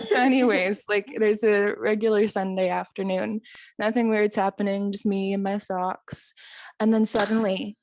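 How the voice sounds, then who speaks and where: A woman performing stand-up, spinning a long anecdote in a chatty, self-amused way. She fills pauses with ums and chuckles at her own lines. Her voice sits at a middling pitch and sounds close and dry, with no room around it. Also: steady tone, a little mellow, no echo. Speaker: stand-up comedian. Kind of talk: stand-up storytelling set.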